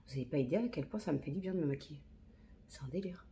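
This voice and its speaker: Beauty vlogger, woman, casual and slangy, thinks aloud, voice with some vocal fry; phone-recorded. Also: low voice, expressive, rapid-fire, warm tone, slight background noise. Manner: chatty, slangy, talks to herself. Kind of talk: casual makeup tutorial chat. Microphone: phone camera.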